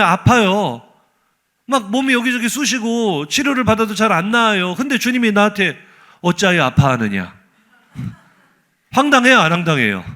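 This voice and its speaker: Animated high-voiced male pastor preaching. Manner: animated, humorous, rhetorical questions to the congregation. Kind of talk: sermon. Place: church sanctuary.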